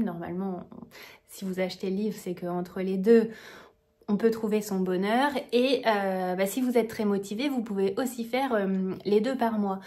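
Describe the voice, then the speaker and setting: A woman's voice: medium pitch, dark tone. A woman vlogging casually to camera, gushing and hesitant, restarting her sentences with many fillers. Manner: enthusiastic, gushing.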